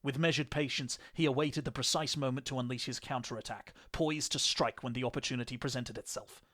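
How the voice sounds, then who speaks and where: A man reading an action fan fiction story aloud in measured, grandiose narration. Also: medium pitch, fairly even intonation, fairly bright tone, dry recording, studio quality.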